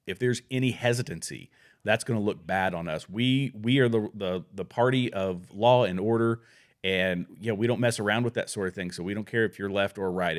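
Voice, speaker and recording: A man hosting a casual political talk show, rambling with restarts and reading news items aloud. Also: fairly low pitch. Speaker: podcast host.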